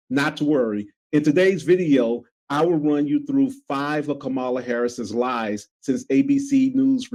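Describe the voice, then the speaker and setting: A man's voice: a little high, darkish tone. A man hosting a video, reading scripted political commentary as narration. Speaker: video host.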